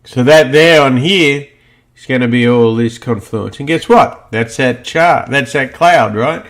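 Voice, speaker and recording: A man's voice: mid-range voice, unhurried, a bit bright. Rambling male trader walking through charts. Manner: loose, rambling, thinking aloud with fillers. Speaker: market analyst presenting charts. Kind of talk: screen-share chart walkthrough.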